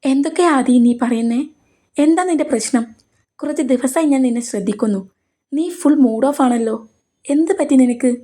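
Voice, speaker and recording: A woman's voice: sits high, brisk, dark tone, voice pushed up, close to an everyday voice. A woman voicing a protective young male boss in a storybook reading, coaxing and tender.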